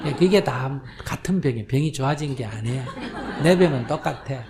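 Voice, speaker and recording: A man's voice: medium pitch, lively intonation, brisk, darkish tone. Older male monk, Q&A dharma talk in a hall, chatty, checks in with listeners, faint room noise. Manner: conversational, often checks listeners understand; acts out quoted voices, drops to whispers. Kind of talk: question-and-answer dharma talk. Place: lecture hall with audience.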